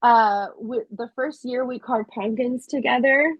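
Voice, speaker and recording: A woman's voice: on the high side, unhurried, dry recording, lo-fi sound. A woman in her thirties chatting as an interview guest, telling stories in a loose, talkative way with plenty of filler words. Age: 30s. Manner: chatty, storytelling, many "like" fillers. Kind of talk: casual interview chat.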